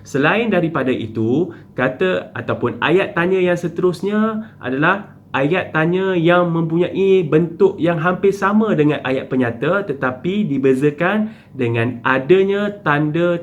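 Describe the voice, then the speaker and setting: A man's voice: on the high side, lo-fi sound, a little hiss or hum. A man teaching a primary school lesson, explaining step by step with patient repetition. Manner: patient, step-by-step, with frequent "okey" and "ha" fillers.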